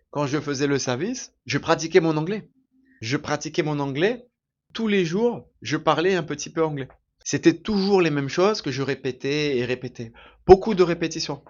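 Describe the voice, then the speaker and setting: Man telling a slow, repetitive story. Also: fairly high pitch, highs cut off. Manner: repetitive, emphatic, deliberate phrasing. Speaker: French teacher. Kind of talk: slow storytelling lesson for learners.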